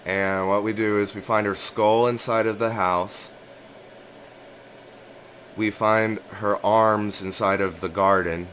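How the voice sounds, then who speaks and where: A man casually recounting a dream in a musing, halting way, often repeating and rephrasing his phrases. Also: lowish voice, steady tone, fairly bright tone, slight background noise. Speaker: narrator of a personal dream journal.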